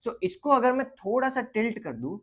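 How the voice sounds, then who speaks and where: A teacher thinks aloud through a physics question while explaining a lecture on light. His very high-pitched voice is very animated, yet his delivery stays casual and unhurried, and he often pauses to make sure his students follow.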